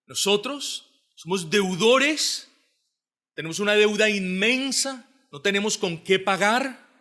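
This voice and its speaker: A man's voice: sits high, expressive, slow pace, bright, forceful tone. A man preaching an expository sermon, reading scripture with rising emphasis, repeating phrases and asking the congregation questions. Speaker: pastor.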